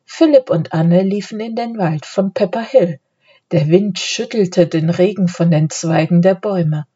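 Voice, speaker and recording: Slow, mellow woman narrating a children's story. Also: lowish voice, slightly rough, lo-fi sound.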